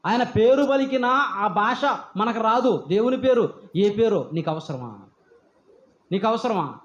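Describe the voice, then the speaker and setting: Preacher guy, really high voice, keeps asking questions, roomy dull recording. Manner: fires rhetorical questions, drawls scripture slowly. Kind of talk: sermon. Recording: echoey, dull lo-fi sound.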